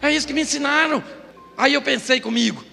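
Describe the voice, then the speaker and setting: Gravelly high-voiced Brazilian preacher man. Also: fast, in a large hall, faint music behind. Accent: Brazilian Portuguese. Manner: comic, shouting bursts, acts out voices. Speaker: pastor. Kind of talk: humorous Pentecostal sermon. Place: church hall.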